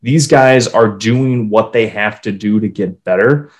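Speaking at a measured pace with a fairly low voice, a podcast co-host chats casually about hockey, animated and swearing as he reads quotes aloud.

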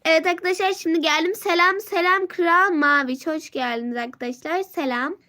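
A woman's voice: extremely high pitch, fairly quick, sharp tone. A teenage girl chatting on a casual live stream, greeting viewers and reading out comments, her voice worn from a sore throat and a stuffy nose.

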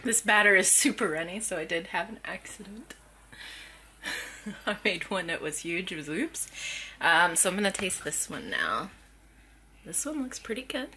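A woman in her thirties chatting casually while filming herself in her kitchen, thinking out loud as she goes. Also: fairly low pitch, sing-song, normal speed, pauses often, slight background noise. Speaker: family vlogger. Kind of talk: casual vlog chat. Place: home kitchen. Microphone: handheld camera at arm's length.

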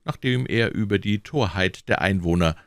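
Deep-voiced male storyteller. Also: normal speed, a bit bright, smooth, no echo, studio quality. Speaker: audiobook reader. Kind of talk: storybook narration.

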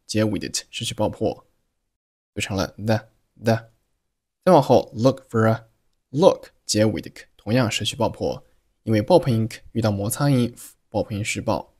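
Male pronunciation teacher, low voice, methodical, repeats words slowly. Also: darkish tone, husky. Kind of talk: explaining English pronunciation.

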